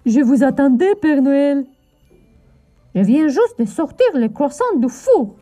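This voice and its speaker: A woman's voice: sits high, very animated, slow pace, dark tone, soft background music, heavily acted. A woman voicing a friendly local baker in a children's storybook recording. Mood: welcoming.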